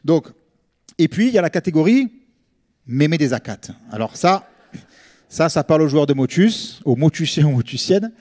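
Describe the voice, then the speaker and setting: A middle-aged man speaks with a Marseille accent in a fairly high, mellow voice. He lectures informally, explaining ideas in a conversational way and regularly checking that his listeners follow. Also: sing-song, normal speed, long pauses. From Marseille, France. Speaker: linguist giving a public talk.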